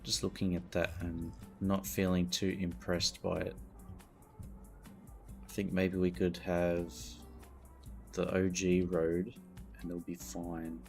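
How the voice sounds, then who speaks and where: A man's voice: sits low, completely flat delivery, slow, creaky, long pauses, darkish tone, soft background music. A male streamer chatting casually while he plays, laid-back and self-mocking. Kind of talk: casual chat while playing a game.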